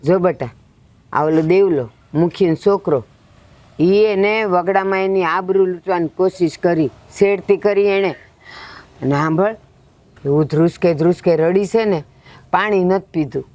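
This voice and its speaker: An actress playing an older village mother who comforts and calms her children in a village family drama. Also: on the low side, unhurried, dull audio, lightly acted. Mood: soothing. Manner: soothing, pleading.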